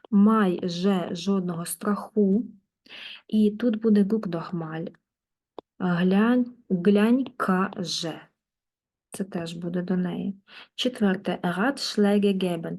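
Slow, mellow-voiced woman teaching German. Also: medium pitch. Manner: patient, works through exercises step by step, repeats words slowly. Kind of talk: online language lesson, explaining in Ukrainian.

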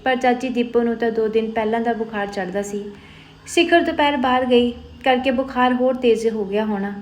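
A woman voicing a caring, practical young village woman who reasons with and gently scolds an older aunt. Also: on the high side, fairly even intonation, fairly quick, lightly acted. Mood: reasoning.

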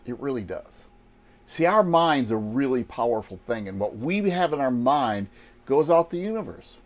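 An online business coach from Wisconsin, United States, in his 60s, gives a folksy motivational talk to camera from inside a small RV trailer. His medium-pitched voice is sing-song at a normal speed, and he asks rhetorical questions and answers them himself.

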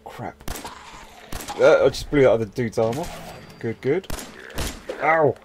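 A man's voice: mid-range voice, slow, a little mellow, slight background noise. A young man chatting casually through a let's-play, swearing mildly and talking to the game's characters. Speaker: gaming video host.

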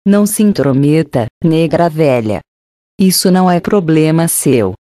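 A woman's voice: low voice, animated, a little slow, mellow, no room sound, studio quality. A woman reading an audiobook, voicing a proud, hot-tempered young woman who talks with scorn. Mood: sneering. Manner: scornful, snapping.

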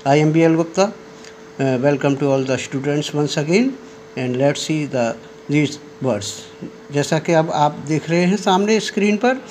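Indian male teacher, slow high voice. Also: darkish tone, slight background noise. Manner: slow and deliberate, many "uh" fillers, addresses students as children. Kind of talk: classroom lesson, Hindi mixed with English.

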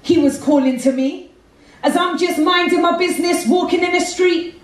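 A woman's voice: extremely high pitch, normal speed, recorded from a distance. A woman, performing spoken word poetry on a theatre stage into a handheld mic, with rhythmic street-inflected delivery. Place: theatre stage with red curtains. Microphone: handheld mic, far camera. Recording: very echoey hall, heard from afar.

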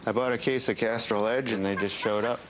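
An actor playing a deadpan, laid-back man proudly ruling grease monkeys in a comic commercial. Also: lowish voice, brisk, very noisy, natural voice.

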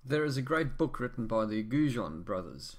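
A man giving a measured, practical voice-over about building a boat at home. He sits in an ordinary mid-range pitch and explains each step plainly. The tone stays even and instructional throughout. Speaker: amateur boatbuilder.

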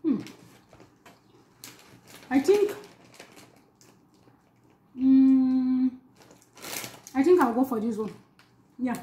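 A woman with a very high voice chats casually through a food tasting, crunching chips and murmuring between phrases. She sounds like she is in an echoey room, with noise and crinkling packets behind her. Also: lively intonation, extremely slow, long pauses, dark tone. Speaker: snack reviewer. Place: small bare indoor room. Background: crinkling chip bags, crunching, noise.

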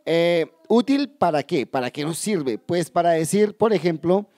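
A man teaching English in a video lesson, explaining step by step, addressing viewers directly and slowly repeating key words. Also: fairly high pitch, animated, dark tone, no room sound. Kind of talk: video lesson for Spanish speakers.

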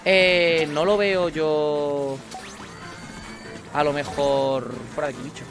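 A young man with a Spanish accent from Spain, chatting casually while playing a video game, excitable and swearing at the game. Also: on the high side, slow pace. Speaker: gaming YouTuber. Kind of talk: casual gameplay commentary. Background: video game music.

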